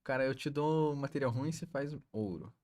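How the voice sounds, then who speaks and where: A man's voice: mid-range voice, brisk, darkish tone. A man with a Brazilian accent casually directing his video editor at work, pushy and full of slangy examples. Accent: Brazilian Portuguese. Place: workplace, with a colleague.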